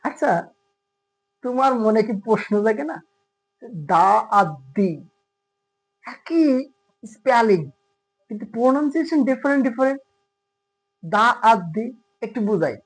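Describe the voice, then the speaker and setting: A man's voice: extremely high pitch, lively intonation, measured pace, pauses often. A man teaching English grammar in Bengali, explaining patiently and asking his students rhetorical questions. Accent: Khulna Bengali. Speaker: English tutor. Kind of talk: classroom grammar lesson. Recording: tinny phone-like audio.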